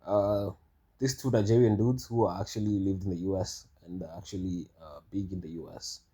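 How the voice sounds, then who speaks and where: A man's voice: sits low, steady tone, a little fast, dark tone. A man giving casual monologue commentary, rambling and hesitant with many fillers and restarts. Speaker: vlogger.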